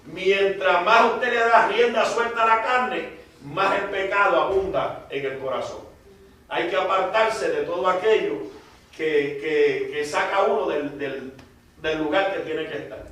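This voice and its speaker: A man preaching with fervent, emphatic rhythm. His voice sits high and sounds bright and edged. It carries from a distance through a very echoey church hall. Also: a little slow. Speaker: pastor. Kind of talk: preaching in church Bible study.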